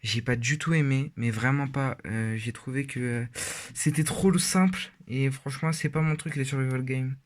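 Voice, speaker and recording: A teenage boy talks in a loose, casual way, stopping often on fillers and restarting his sentences. His pitch sits in an ordinary middle range for a young male voice. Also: moderate pace. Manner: rambling, hesitant with many fillers. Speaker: vlogger. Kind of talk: casual shelf tour.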